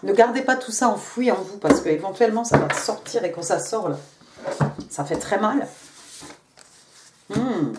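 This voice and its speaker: A woman's voice: mid-range voice, lively intonation, moderate pace, pauses often, roomy sound, very noisy. A woman with an English accent giving a casual tarot reading in French, chatty with frequent hesitations and restarts. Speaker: tarot card reader.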